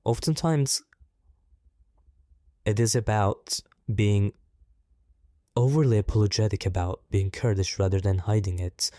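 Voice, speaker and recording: A man, his voice disguised to sound deep, speaking thoughtfully and in a measured way in an interview. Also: mellow, no room sound, clean studio sound. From Turkey. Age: 20s. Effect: voice disguised, altered deeper. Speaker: interview guest. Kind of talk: reflective personal interview.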